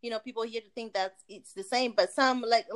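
A woman from Zimbabwe speaking in a relaxed, animated conversation. Her voice sits a little high, and she throws in quick asides and laughs easily. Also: clear, resonant tone, poor audio. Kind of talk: casual conversation.

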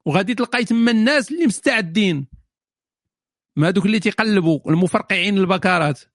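A man's voice: high-pitched, expressive, a bit bright, dry recording, studio quality. A man with a Moroccan accent hosting a solo question-and-answer show, delivering a sarcastic, mocking monologue. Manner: sarcastic, mocking, rapid-fire. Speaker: host answering viewer questions.

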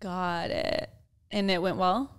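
Raspy young woman in playful podcast banter. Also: lowish voice, slow. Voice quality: raspy, gravelly voice. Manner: playful, animated, teasing. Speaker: podcast co-host.

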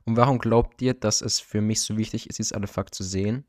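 A man reading the part of a cold, suspicious lord in a storybook audiobook, with a quietly threatening delivery. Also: on the low side, steady tone, brisk, dry recording, studio quality, close to an everyday voice.

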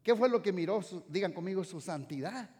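A Mexican-born man preaches with a high, ringing voice that lingers in the hall's long reverb. He shifts from loud exclaiming to soft, drawn-out words. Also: expressive. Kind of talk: sermon. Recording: reverberant hall sound.

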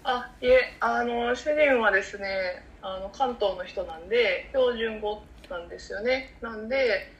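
Soft, genteel Kansai-accented woman. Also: a little high, measured pace, few pauses, lo-fi sound. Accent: Kansai (Kyoto). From Kyoto, Japan. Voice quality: soft, soothing, genteel Kyoto-style lilt. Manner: polite, elegant, conscientious. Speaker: podcast co-host. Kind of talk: casual podcast chat. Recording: faint background noise.

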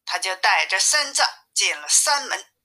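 A woman reading a classic story aloud in a lively manner, shifting her voice for each character. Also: medium pitch, moderate pace. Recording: tinny phone-like sound.

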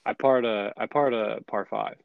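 A man's voice: lowish voice, fairly even intonation, normal speed, vocal fry, no room sound, phone-quality sound. A man co-hosting a podcast in casual chat, often stumbling and repeating words as he starts a sentence. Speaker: podcast co-host.

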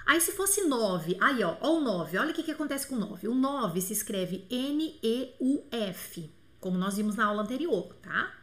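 Her voice is a little high, expressive and fairly bright as she leads a live online French class. Slowly and patiently, she says phrases again to model how they sound, replying to viewers by name when they ask questions.

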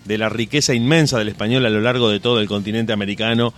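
A man's voice: lowish voice, fairly even intonation, fast talker, fairly bright tone. A man hosting a radio show, speaking in long, flowing, friendly sentences as he wraps up an interview. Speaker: radio host.

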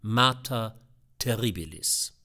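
A man voicing a calm tour guide who explains his exhibits like a showman. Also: fairly low pitch, slow pace, full character voice. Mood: explaining.

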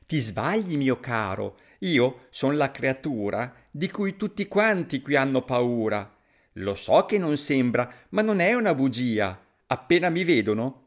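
A man voicing a clever, boastful little mouse in a storybook reading, quick and cheeky. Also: mid-range voice, big pitch swings.

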